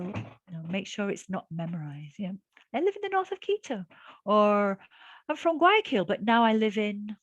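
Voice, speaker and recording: A woman with a medium-pitched voice, recorded dry, teaches an online exam-prep class over a video call. She's chatty and encouraging, with plenty of fillers and audible breaths.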